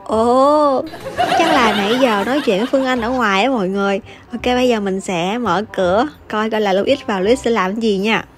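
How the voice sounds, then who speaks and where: A woman's voice: a little high, moderate pace. A young woman gives teasing, chatty commentary over her gameplay and laughs often. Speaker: gaming YouTuber. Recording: voice over loud background music.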